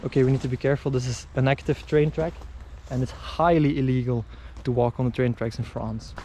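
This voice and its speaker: A man's voice: mid-range voice, fairly even intonation, a little fast, background noise. A man narrating a travel and exploration vlog. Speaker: vlogger.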